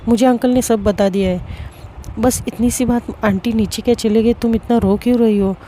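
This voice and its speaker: A woman reading a story aloud, voicing a young woman friend who gently scolds and asks what is wrong. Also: a little high, fairly even intonation, normal speed, slight background noise, lightly acted. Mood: concerned. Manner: concerned, chiding.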